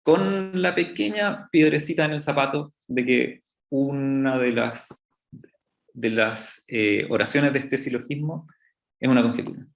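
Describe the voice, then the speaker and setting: A man's voice: medium pitch, a little slow, gravelly. A man giving a public astrophysics talk, explaining step by step with frequent restarts. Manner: explanatory, many restarts and "entonces, bueno". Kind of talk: public lecture. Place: lecture room. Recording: echoey room.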